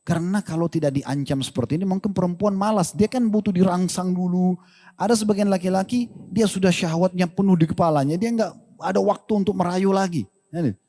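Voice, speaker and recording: A male Islamic preacher giving a casual lecture, lively and joking, with colloquial slang and rhetorical questions. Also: sits high, a little fast, in a large hall.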